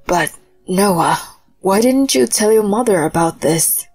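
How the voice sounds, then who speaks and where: A woman voicing a stern older grandfather who speaks low and deliberately. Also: expressive, darkish tone, husky, faint music behind. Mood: gentle.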